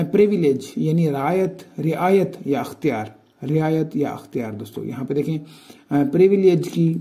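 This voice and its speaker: Pakistani-accented man, very dark tutoring voice. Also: on the high side. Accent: Pakistani Urdu. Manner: explains slowly, repeating words and spelling them out. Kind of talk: casual spoken lesson.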